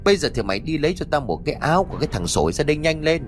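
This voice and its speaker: Audio story: a man playing a loud, scolding old village exorcist with a lively voice. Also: medium pitch, a little fast, faint music behind, natural voice. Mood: bossy scolding. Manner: barking orders, scolding.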